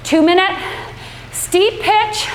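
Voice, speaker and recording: A woman's voice: very high-pitched, slow pace. A middle-aged woman coaching a live indoor workout while cycling hard, urging riders on in short, effortful phrases. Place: indoor room with large windows, on a stationary bike. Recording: echoey room, clear background noise.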